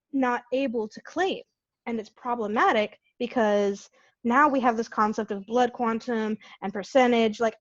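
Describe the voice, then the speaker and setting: A woman from California speaks on a video call in a somewhat high voice, telling stories with animation and frequent laughter. The sound is dull and lo-fi, and it is very dry with no room echo. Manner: animated storytelling, laughs often. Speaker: guest speaker. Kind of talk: casual online Q&A talk.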